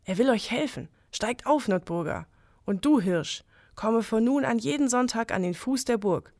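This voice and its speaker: A woman voicing a loyal, kindly male servant of a medieval castle, speaking gently, in an audio legend reading. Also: fairly high pitch, lively intonation, moderate pace, no room sound, studio quality, pitched above the performer's own voice. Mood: solemn.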